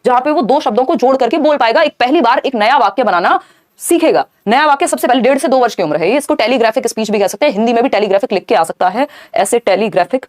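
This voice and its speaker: A woman teaching a live online exam-prep lesson, explaining answers briskly and answering viewers in the chat. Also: on the high side, lively intonation.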